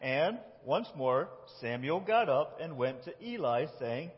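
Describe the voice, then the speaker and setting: A man's voice rises and falls, lively and expressive, sitting a little high for a man. He is a pastor telling a Bible story to his congregation and voicing its characters. The sound is dull and carried through a large echoing church hall. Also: unhurried. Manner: animated, reads dialogue in lively voices. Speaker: lead pastor. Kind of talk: sermon storytelling with children acting. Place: church sanctuary. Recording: muffled, echoey church hall.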